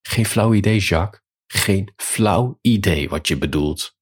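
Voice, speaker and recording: A man's voice: sits low, slow, husky, exaggerated voice. A man voicing a flippant, evasive married man who teases and coaxes his lover. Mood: teasing. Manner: coaxing, teasing.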